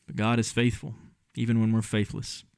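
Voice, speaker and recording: Gravelly-voiced male preacher. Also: on the low side, monotone, normal speed, darkish tone, no echo. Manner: conversational, acts out scenes in different voices. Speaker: pastor. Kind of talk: sermon.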